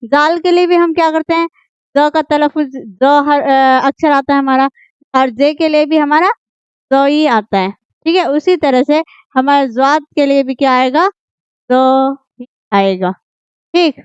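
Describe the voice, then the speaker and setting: A woman with a high, slightly slow voice patiently teaches an Urdu writing lesson, explaining the script. She keeps checking that students follow with phrases like "ठीक है?". The recording is dull, dry, and lo-fi with no echo.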